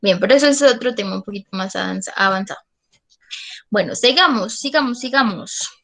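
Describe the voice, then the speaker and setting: A woman's voice: medium pitch, brisk, fairly bright tone, rough recording. A woman teacher, patiently explaining English grammar in an online class and often checking that students follow.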